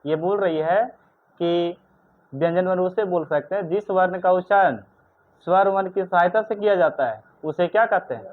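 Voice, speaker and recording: Firing questions at his class during a grammar lesson, this Indian male teacher sounds stern and scolding. He speaks at an ordinary pace in a high voice, captured on a tinny, phone-like recording.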